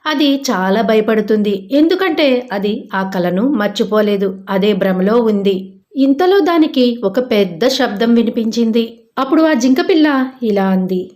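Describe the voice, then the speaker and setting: A woman narrating a children's moral story in a lively, expressive storybook style. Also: on the high side, a little slow.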